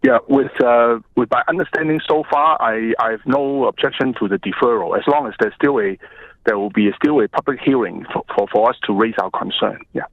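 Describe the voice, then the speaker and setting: A man's voice: mid-range voice, a little fast, no room sound. A man calling in over the phone to a public hearing as a resident, speaking hesitantly and repeating words as he gives a formal comment. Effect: heard over the phone. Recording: dry, dull phone-line sound.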